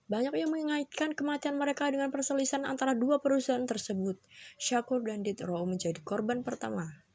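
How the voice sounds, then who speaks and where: A woman's voice: medium pitch, a little mellow, no room sound. A woman hosting and reading scripted narration for a mystery countdown. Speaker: host of a true-crime countdown channel.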